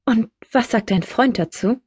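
A woman's voice: a little high, measured pace, a little mellow, slightly rough, dry recording, studio quality. A woman voicing a curious young woman who is short on money and asks many questions. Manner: inquisitive, surprised questions.

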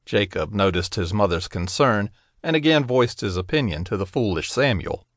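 Expressive male storybook narrator. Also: fairly low pitch, normal speed, dry recording, studio quality. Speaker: audiobook narrator.

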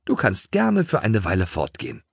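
A man doing a gentle old grandmother mouse. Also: sits low, wildly swooping pitch, normal speed, gravelly, slightly rough, no room sound, studio quality, exaggerated voice. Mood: encouraging.

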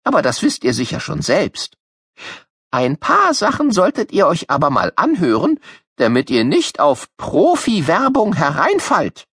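Man voicing a cheeky know-it-all kid, storybook audiobook, high voice, swooping and lively, slightly husky. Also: measured pace, no echo, clean studio sound, full character voice. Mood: playful. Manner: playful, teasing, lively. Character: cheeky know-it-all boy explaining things to kids. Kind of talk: children's audiobook narration.

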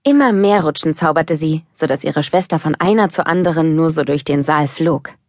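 A woman reads a children's audiobook in a calm, even storytelling manner. Her voice sits low for a woman. The recording is close and completely dry. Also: normal speed, no echo. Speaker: audiobook narrator. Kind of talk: scripted narration for children.

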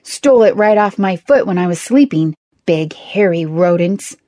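A man's voice: on the high side, expressive, measured pace, mellow, no echo, studio quality. A woman voicing a fretful, grumbling man. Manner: nervous, complaining. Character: anxious fussy man, grumbling and haughty.

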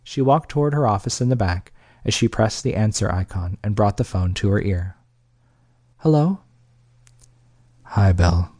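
A man with a fairly low voice narrates an audiobook. His reading is steady and measured. The recording is dry and close, with no room sound. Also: no room sound.

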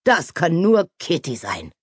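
Woman doing a gruff old father. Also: sits low, wildly swooping pitch, a little slow, dry recording, studio quality, full character voice. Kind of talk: audiobook character voice.

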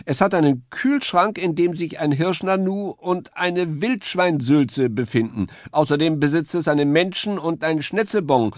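A man's voice: fairly high pitch, moderate pace, few pauses, dry recording, clean studio sound, pitched above the performer's own voice, close to an everyday voice. A man voicing a fussy, forgetful male woodpecker in a children's audiobook, talking pompously. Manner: pompous, chattering.

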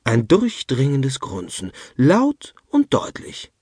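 A man narrating a children's audiobook in a lively, expressive storytelling manner, close to a studio mic. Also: medium pitch, takes it slowly, husky.

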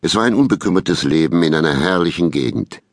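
A man calmly narrating a children's storybook in a measured way. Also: low-pitched, no echo, studio quality. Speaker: audiobook narrator.

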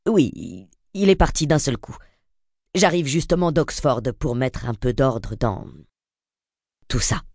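A woman reading an audiobook, voicing an awkward, polite young man who hesitates and stammers, in a lowered voice. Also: lively intonation, slow, pauses often, a little mellow, no echo, studio quality, heavily acted. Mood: flustered.

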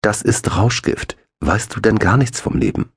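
A man's voice: fairly low pitch, normal speed, vocal fry, slightly rough, no room sound, clean studio sound, voice pushed up, full character voice. A man voicing a strict, know-it-all ten-year-old boy in a storybook reading, lecturing his little brother in a fussy way.

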